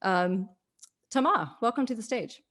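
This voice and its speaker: A woman's voice: fairly high pitch, expressive, unhurried, a bit bright. A woman hosting an online event, reading audience questions from the chat in a friendly manner. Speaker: event host and moderator. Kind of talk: moderating a live online Q&A. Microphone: video call.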